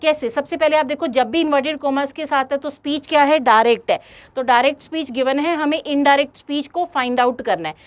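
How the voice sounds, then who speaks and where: Lady teacher, high voice, explains exam questions step by step to students. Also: a little fast. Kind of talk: exam-prep lesson in Hindi-English mix.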